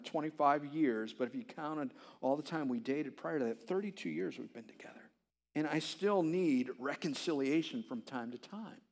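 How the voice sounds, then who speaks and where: A man in his fifties preaches in a casual, story-driven way, his slightly high voice climbing sharply whenever he acts out a heartfelt plea. He restarts often, repeating words before carrying on. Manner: animated storytelling, voice leaps up when reenacting his own pleas. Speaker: pastor. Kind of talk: conversational sermon.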